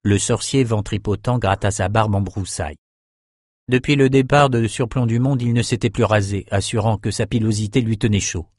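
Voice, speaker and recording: Un homme qui narre un roman en livre audio, d'une lecture posée et régulière. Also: male voice, lowish voice, normal speed, a little mellow, dry recording. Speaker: narrator. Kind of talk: scripted audiobook narration. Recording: dry studio recording.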